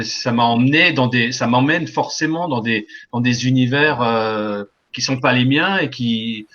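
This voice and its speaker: A man with a bright, forceful voice talks casually, pausing and searching for words. The audio sounds dull and lo-fi. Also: medium pitch. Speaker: illustrator. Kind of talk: casual chat.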